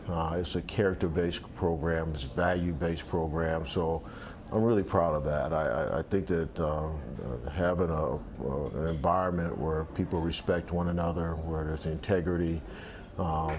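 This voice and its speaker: An athletic director in his sixties speaks in a low-pitched voice, reflecting during a sit-down interview out on a balcony. He restarts often and uses many fillers, and background noise can be heard.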